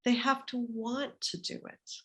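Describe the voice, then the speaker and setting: A woman guest speaking over a video call, animated and emphatic, often repeating words to stress a point. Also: on the high side, measured pace. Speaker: guest, business author. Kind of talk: casual interview chat.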